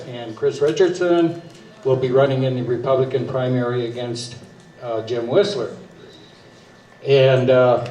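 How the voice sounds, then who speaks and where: Halting male moderator in a roomy hall. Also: medium pitch, darkish tone. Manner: plain, halting, with many fillers. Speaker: debate moderator. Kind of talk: moderating a public debate. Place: public meeting room. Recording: roomy hall audio from far off, faint noise.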